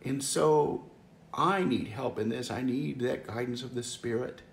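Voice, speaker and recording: An earnest middle-aged pastor from Wisconsin gives a home devotional talk, seated by a living-room fireplace and recorded close up on a camera or phone. His mid-range voice is unhurried and creaky, his manner conversational with frequent restarts. The room is echoey, with faint background hiss.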